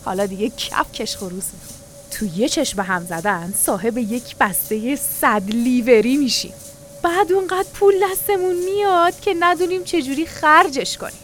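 A woman's voice: sits high, expressive, fairly bright tone. A woman reading an audiobook, voicing a boastful, scheming country father who talks in an eager, coaxing salesman manner. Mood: excited scheming.

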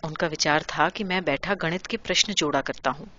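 Woman, low voice, story reading, measured and quiet, dull lo-fi sound. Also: a little hiss or hum. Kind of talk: reading a literary story aloud.

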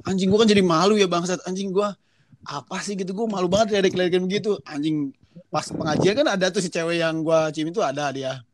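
In a casual chat, a high-voiced young man rattles through an embarrassing story from his childhood, cursing constantly. His delivery is quick, animated, and full of self-mockery.

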